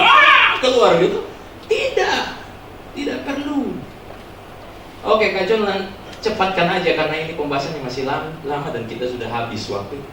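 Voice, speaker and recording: Animated pastor man in echoey hall. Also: high voice, recorded from a distance, a little hiss or hum. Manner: animated, joking, acts out loud prayers. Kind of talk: youth sermon. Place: church hall.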